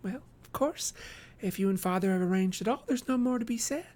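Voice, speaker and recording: A shy, sweet young woman in love, as a man puts her on for a storybook reading. Her voice rides high, soft and a little breathless. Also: brisk, close to an everyday voice.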